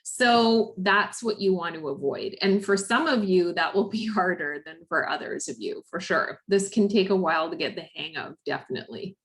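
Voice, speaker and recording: A woman's voice: fairly low pitch, animated, moderate pace, few pauses, fairly bright tone. A woman with a Canadian accent presenting a recorded parenting workshop over slides, explaining in a friendly way with frequent "um" and "right?".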